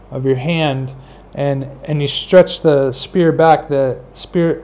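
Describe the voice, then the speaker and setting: A middle-aged man telling a first-person fishing story to camera, relaxed and gesturing, recorded on a wired earbud mic in a small room. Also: fairly high pitch. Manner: relaxed, gestures while explaining. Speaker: fishing channel host. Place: small indoor room, plain wall. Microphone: wired earbud mic, webcam framing.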